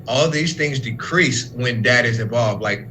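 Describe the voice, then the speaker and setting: Earnest man with a bright voice. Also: medium pitch, a little slow, a little hiss or hum, low-quality recording. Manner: earnest, speaks in long run-on explanations. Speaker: fatherhood program worker, guest. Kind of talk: casual interview talk.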